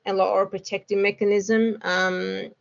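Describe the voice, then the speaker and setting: A woman's voice: mid-range voice, flat delivery, moderate pace, gravelly, dull audio. A woman, a hypnosis student, chatting casually in an interview with lots of fillers and frequent laughs.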